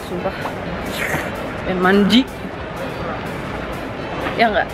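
Casting: woman with a mid-pitched voice, casual and grumbling, loud music and crowd around her. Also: steady tone, extremely slow. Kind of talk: casual chat. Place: busy theme park.

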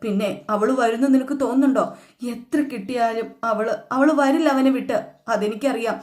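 A woman's voice: a little high, brisk, a little mellow, natural voice. A woman voicing a grieving middle-aged mother who pleads tearfully about her daughter. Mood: sorrowful. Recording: echoey room.

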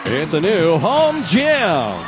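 Video game casting: enthusiastic, booming prize announcer with a high voice, selling hard, crowd roaring behind. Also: male voice, wildly swooping pitch, slow pace, heavily acted. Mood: excited, promotional. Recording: loud music and studio crowd behind.

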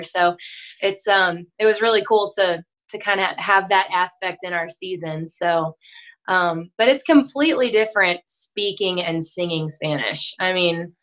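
A young country singer from Texas chats with a podcast host over a webcam video call from a room at home, friendly and chatty with frequent fillers. Her voice is fairly low and a bit bright, her pace measured, and the recording is rough.

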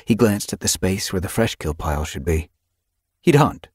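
Deep-voiced man narrating an audiobook. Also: a little fast, slightly rough, no echo, clean studio sound. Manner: expressive, animated storytelling.

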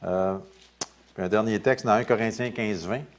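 A male pastor with a Quebec French accent preaching a sermon, reading scripture aloud and commenting in quieter, casual asides. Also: on the low side, normal speed, a little hiss or hum. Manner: lively preaching, rising loud on scripture then dropping to quiet asides.

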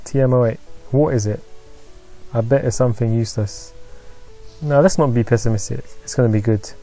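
A man's voice: medium pitch, a little fast, mellow, faint music behind. A man hosting a let's play, giving casual commentary and reading game text aloud with wry remarks.

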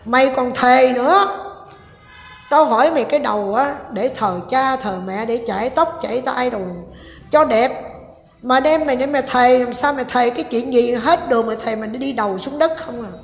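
A woman's voice: high-pitched, normal speed, slight background noise. Sarcastic, scolding woman. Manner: sarcastic, scolding, addresses viewers directly. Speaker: online commentator. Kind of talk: scolding commentary vlog. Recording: echoey room with long reverb and faint music.

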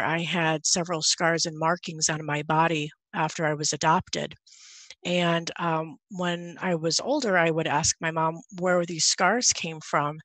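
A Guatemalan woman in her thirties, a podcaster appearing as a guest, speaks earnestly in a casual interview over a video call, using a headset from a room in her home. Her voice sits low with a fairly bright tone, there's no echo, and she uses lots of fillers.

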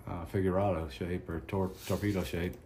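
A man with a Southern accent, hosting a casual unboxing chat in an unhurried, halting way with many ums and restarts. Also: sits low, flat delivery, darkish tone, faint music behind. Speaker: cigar channel host.

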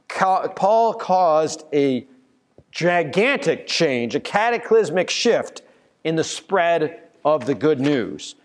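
Young male pastor, earnest sermon delivery, reverberant sanctuary. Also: on the high side. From United States. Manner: earnest storytelling, with restarts and fillers. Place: church sanctuary, at a pulpit. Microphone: pulpit mic from a far camera. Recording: long church reverb.

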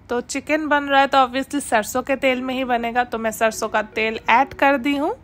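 A woman with a high-sitting voice hosts her home cooking channel. In a voice-over she gives steady step-by-step instructions, mixing English words into her speech.

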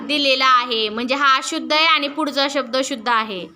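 Middle-aged woman teacher, high and very bright, quizzes her pupils. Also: moderate pace, some chatter behind, slight background noise. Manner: asks pupils questions and waits for answers. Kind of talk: classroom lesson.

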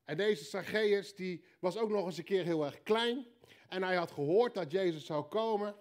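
A man with a Dutch accent preaching a sermon, telling a story with punchy repeated lines and quiet joking asides. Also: high-pitched, moderate pace. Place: church hall.

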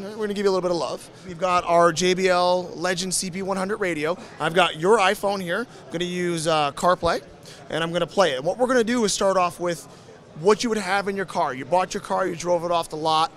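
A man in his thirties with a distinctly high voice. He explains a product in a conversational, enthusiastic sales style, informal and direct, into a handheld microphone at an indoor show booth. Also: fairly bright tone. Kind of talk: conversational sales demo in an interview. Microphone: handheld interview microphone.

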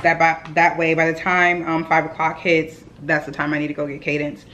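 A young woman vlogs casually from her roomy, echoey home, chatting straight to viewers and calling them y'all. Her deep voice is monotone, fairly quick, and fairly bright in tone. The audio is dull, with slight background noise and faint ambience in the echoey room.

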